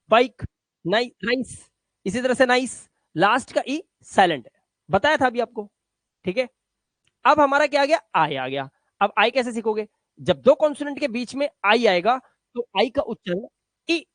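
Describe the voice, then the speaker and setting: A man teaching English rules in Hindi, drilling words slowly and pitching his course. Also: dry recording. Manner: brisk, drills words in slow syllables and keeps saying "theek hai"; pushy sales talk about his course and book. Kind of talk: spoken English lesson in Hindi.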